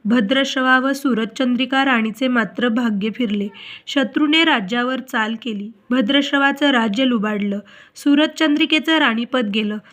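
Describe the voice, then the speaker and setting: High-voiced woman narrating a devotional tale. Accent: Marathi. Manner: steady, measured storytelling. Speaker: storyteller.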